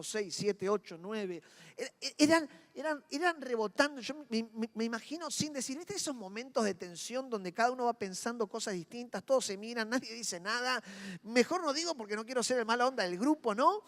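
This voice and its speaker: A male pastor with a Rioplatense Spanish accent preaching a dramatic sermon, dropping to quiet moments and rising to loud ones as he acts out inner voices. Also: very high-pitched, lively intonation, moderate pace, big-room sound.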